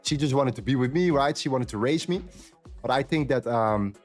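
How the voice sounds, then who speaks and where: With a mid-range voice and a moderate pace, a man from the Netherlands speaks frankly in casual chat on a trading livestream, repeating phrases for emphasis. Soft background music plays throughout.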